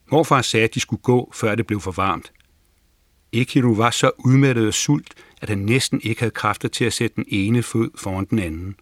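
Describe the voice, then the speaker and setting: A man narrating a children's storybook aloud in a calm storytelling manner, lifting his voice for the characters' lines. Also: lowish voice, no room sound, clean studio sound. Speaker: audiobook narrator.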